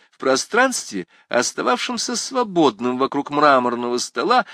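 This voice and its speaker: A man narrating a literary novel with a dramatic, expressive delivery. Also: mid-range voice, no echo, clean studio sound. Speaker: audiobook narrator.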